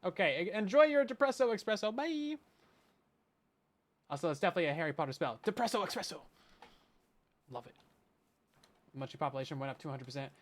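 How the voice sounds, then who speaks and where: Chatting casually with viewers while gaming, this streamer speaks quickly at a fairly high pitch, leaving long pauses. His live-stream commentary is playful and full of laughter.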